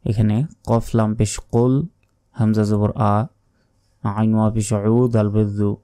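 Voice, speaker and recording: Male recitation teacher for a lesson: unhurried, warm dark timbre, drawn-out chanting, close dry mic. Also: fairly low pitch, monotone, smooth, no room sound. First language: Bengali. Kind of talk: slow step-by-step recitation lesson.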